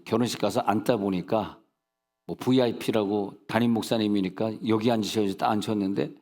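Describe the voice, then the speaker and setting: A male senior pastor with a lowish, slightly mellow voice and fairly even intonation speaks fairly quickly in a church sanctuary sermon. He tells folksy stories with humorous asides and rhetorical check-ins to the congregation, captured with long hall reverb.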